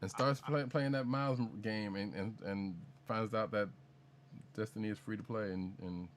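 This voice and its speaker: A man's voice: on the low side, steady tone, normal speed, very noisy. A man co-hosting a podcast, chatting casually through news items with rambling restarts and jokes. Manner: rambling, self-correcting, jokey. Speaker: podcast co-host.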